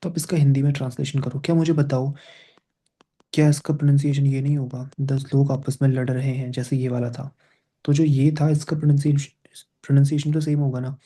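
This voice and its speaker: Very dark-voiced man teaching grammar. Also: mid-range voice, flat delivery, a little fast. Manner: explains step by step, constantly quizzing students with checking questions; mixes Hindi and English phrases. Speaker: English teacher. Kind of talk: classroom grammar lesson.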